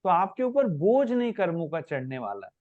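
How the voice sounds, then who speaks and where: A man's voice: high-pitched, huge pitch swings, normal speed, darkish tone, no echo, dull audio. A man leading a spiritual question-and-answer class. He explains patiently with everyday examples. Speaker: spiritual teacher.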